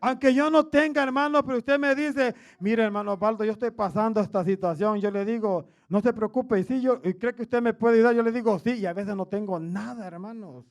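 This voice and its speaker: A man preaching a sermon in a loud, booming voice, calling his listeners "hermano" after nearly every phrase. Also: steady tone, a little fast, hardly any pauses.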